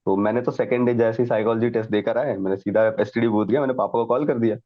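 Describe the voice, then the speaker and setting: A man's voice: medium pitch, fairly even intonation, quick pace, dry recording, muffled recording. A man telling stories as an interview guest, laughing often and mixing in English phrases. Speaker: guest, defence exam candidate. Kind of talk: casual storytelling chat.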